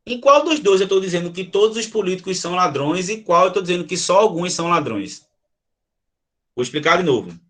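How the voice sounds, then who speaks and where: Higher-voiced man teaching grammar. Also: expressive, fairly quick, fairly bright tone. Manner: checks in with listeners, often adding "tá?"; repeats and restates examples. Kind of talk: grammar lecture to a class.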